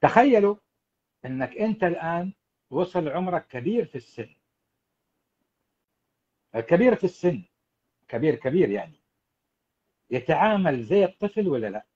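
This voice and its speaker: A man's voice: a little high, moderate pace, long pauses, slightly rough, dull audio. A man giving a live parenting talk, preachy and emphatic, speaking straight to his listeners. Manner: animated, preachy, emphatic, addresses listeners directly. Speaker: parenting coach.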